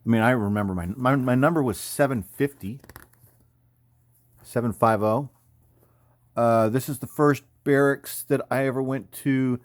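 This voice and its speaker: Looking through photos, a former paratrooper and combat medic in his fifties, an American from California, chats in a loose, slangy, rambling style. He speaks at a normal speed in a mid-range voice with long pauses, and there's no room sound.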